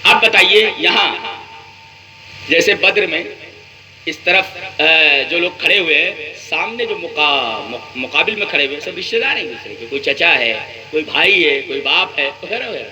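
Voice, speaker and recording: A man, an Islamic scholar, giving a religious lecture, explaining point by point with rhetorical questions and slowly reciting verses. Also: on the high side, animated, bright, forceful tone, faint music behind. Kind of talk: religious lecture comparing scriptures. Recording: noisy lecture recording.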